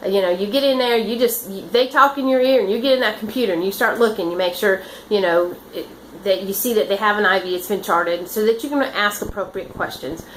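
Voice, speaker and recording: A woman's voice: medium pitch, a little fast, a little hiss or hum, low-quality recording. A woman who works as a nurse, telling her stories in a rambling, earnest way with many restarts. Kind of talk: casual storytelling.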